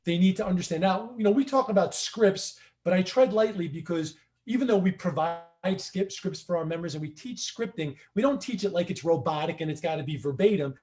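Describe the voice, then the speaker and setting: High-voiced man coaching with emphasis. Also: a little fast, hardly any pauses, darkish tone. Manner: emphatic, repeats key points. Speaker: chiropractic practice coach. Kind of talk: casual livestream discussion.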